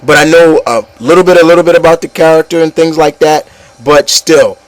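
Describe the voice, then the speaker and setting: Fairly high-pitched and steady, a man talks a bit fast in a dry, poor-quality recording. On his casual opinion show he rants with a co-host, exasperated and blunt, swearing as he stammers and repeats words and phrases.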